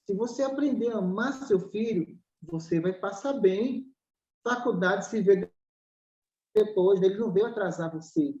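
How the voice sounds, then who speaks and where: A Brazilian woman with a dark, mellow voice lectures as a spiritual doctor, pressing her points with rhetorical questions and acted-out exchanges. The sound is roomy and dull, like a lo-fi room recording. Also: medium pitch, measured pace. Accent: Brazilian Portuguese. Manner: emphatic, acts out dialogues and fires rhetorical questions. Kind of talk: explanatory talk in a spiritual study podcast.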